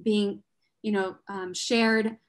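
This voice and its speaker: A woman speaks on a panel discussion with an earnest, reflective tone. She tells a personal story at a mid pitch for a woman, often pausing with fillers and restarting her sentences. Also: level tone. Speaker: panel guest. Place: New York.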